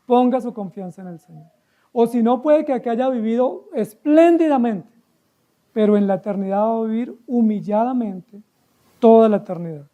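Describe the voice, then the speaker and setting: A man's voice: very high-pitched, expressive, moderate pace, mellow. A man with a Colombian accent preaching an expository sermon as pastor, emphatic and full of rhetorical questions to his listeners.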